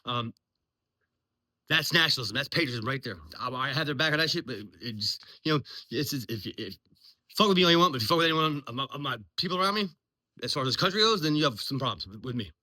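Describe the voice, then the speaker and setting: A man in his forties, almost fifty, from Virginia in the US, speaks with a medium-pitched, expressive voice at a quick pace and with a sharp tone. He's a military veteran vlogger delivering an unscripted monologue off the cuff, blunt, profane and rambling, with plenty of ums.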